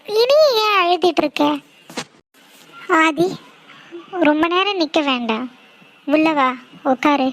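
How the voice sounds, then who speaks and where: A woman voicing a kind, worried middle-aged mother in a cartoon, talking gently and pleading. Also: high voice, animated, takes it slowly, long pauses, full character voice, low-quality recording. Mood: soothing. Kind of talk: cartoon voice acting.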